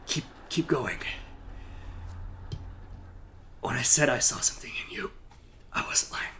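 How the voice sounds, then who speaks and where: A man voicing a dying old male paladin mentor who is short of breath and speaks in a faint, breathy whisper. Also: mid-range voice, fairly even intonation, a little slow, a bit bright, a little hiss or hum, natural voice. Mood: tender, fading. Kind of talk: tabletop role-play character voice.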